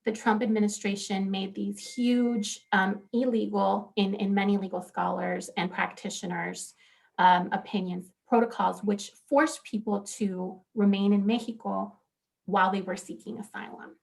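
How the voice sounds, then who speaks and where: Earnest woman presenting, gravelly edge. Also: medium pitch, unhurried. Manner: animated, earnest, with frequent fillers. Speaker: law professor and panelist. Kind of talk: conference panel presentation.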